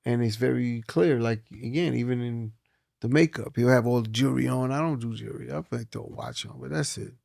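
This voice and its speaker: Gravelly man in his fifties. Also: medium pitch, fairly quick, a little mellow, dry recording, studio quality. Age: 50s. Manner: earnest, reflective, repeats words as he thinks. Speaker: guest, film producer. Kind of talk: casual chat.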